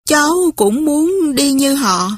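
A woman's voice: high voice, animated, takes it slowly, no room sound, clean studio sound, voice pushed up. A woman voicing a willful, restless young widow who talks back petulantly. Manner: petulant, defiant.

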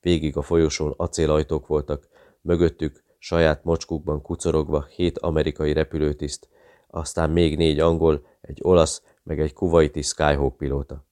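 A man's voice: rumbling low, darkish tone, no room sound, studio quality. A man steadily narrating a thriller audiobook.

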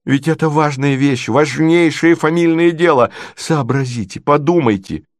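A man's voice: a little high, moderate pace, dry recording, clean studio sound, pitched above the performer's own voice, natural voice. A man voicing a flustered young nobleman who pleads with agitation. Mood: pleading.

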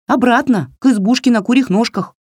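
A woman voicing a sensible little female doll in a storybook reading, brisk and clipped in manner. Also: a little high, warm tone, breathy edge, dry recording, voice pushed up.

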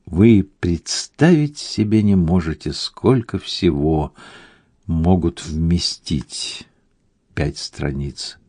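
A man voicing a melancholy Sicilian man recalling a lost love in a slow, reflective way. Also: deep voice, darkish tone, no echo, clean studio sound. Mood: wistful.

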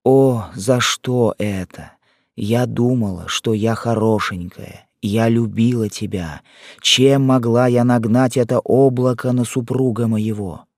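A man's voice: mid-range voice, takes it slowly, darkish tone, no room sound. Brief: male reader doing a young wife in an audiobook, raised and emotional, devoted, dry booth. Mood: tearful. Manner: raised, emotional, pleading delivery. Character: devoted young island wife, pleading and fierce. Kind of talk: audiobook character reading.

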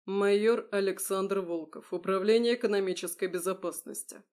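A woman's voice: medium pitch, fairly even intonation, moderate pace, lightly acted. A woman reading a cool, precise male major. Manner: loud, clear and precise, coolly polite. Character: calm composed male security-service major.

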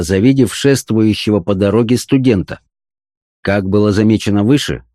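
A man narrating an audiobook with expressive storytelling. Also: fairly low pitch, dry recording, clean studio sound.

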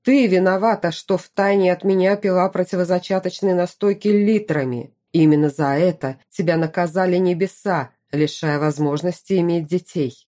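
A woman's voice: on the low side, normal speed, hardly any pauses, warm tone, lightly acted. Stern commanding duke, read by a woman. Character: stern commanding duke, middle-aged father. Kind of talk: audiobook character reading.

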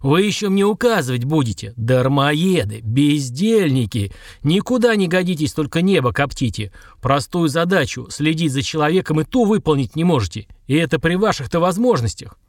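Man voicing a furious cold male boss, shouty and slow, audiobook. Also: fairly high pitch, lively intonation, no echo, clean studio sound. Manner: shouting, berating, slow heavy delivery.

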